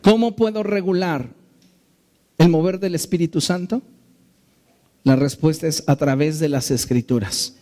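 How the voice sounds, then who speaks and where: A male pastor with a fairly high voice preaches a sermon in his church. He talks in an earnest, measured way and drags out the phrases he wants to stress. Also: mellow. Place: church sanctuary.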